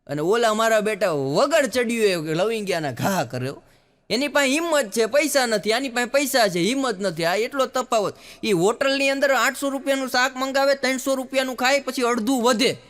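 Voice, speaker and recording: A stand-up comedian performs live in a large hall, spinning folksy stories and acting out the dialogue. His voice is extremely high and fairly bright, with lively intonation at a normal speed.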